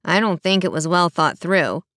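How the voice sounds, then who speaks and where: A woman voicing a calm, measured male police officer in an audiobook. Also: fairly low pitch, no echo, studio quality.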